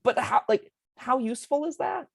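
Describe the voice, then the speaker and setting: A woman co-hosting a casual tabletop game podcast, talking in quick chatty bursts with plenty of ums. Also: a little high, animated, creaky, dry recording. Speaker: co-host discussing tabletop spells.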